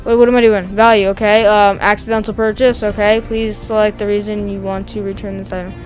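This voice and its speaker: A woman talking casually over her own gameplay, excitable and slangy, yelling and laughing at the game. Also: mid-range voice, brisk, faint music behind. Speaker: gamer streaming gameplay.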